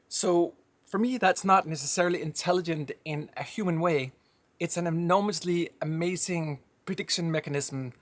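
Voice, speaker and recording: A Danish man with a slight accent speaks in a fairly high, somewhat bright voice, captured in a dry recording. He offers a reflective, conversational personal monologue, voicing firm opinions.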